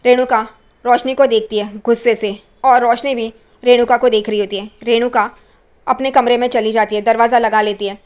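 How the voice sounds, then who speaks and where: A woman's voice: on the high side, steady tone, normal speed. A woman narrating an episode recap of a TV serial, adding gossipy asides that judge the characters.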